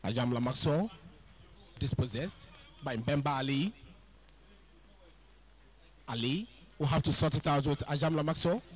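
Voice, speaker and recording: A man calls a live football match, speaking in a raised voice and addressing his listeners as "ladies and gentlemen". The sound is thin and narrow, like a phone line. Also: on the high side, unhurried, pauses often. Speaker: football commentator.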